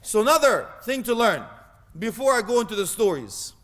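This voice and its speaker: A man preaching an animated sermon, joking and acting out little scenes with mock dialogue and Arabic phrases. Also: sits high, normal speed, big-room sound.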